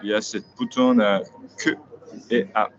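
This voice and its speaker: A man's voice: on the low side, steady tone, normal speed. An Australian man, a native English speaker, giving a prepared lecture in hesitant French with a foreign accent. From Australia, Sydney. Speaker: veterinary specialist, conference speaker. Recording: dull lo-fi web audio, faint noise.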